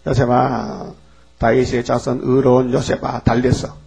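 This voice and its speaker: A fatherly old God, played by a man in the middle of a sermon talks to Joseph in a chummy, coaxing tone. The voice is husky, with a breathy edge. He sounds folksy and plain, not grand. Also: medium pitch, flat delivery, a little slow, a little mellow, heavily acted.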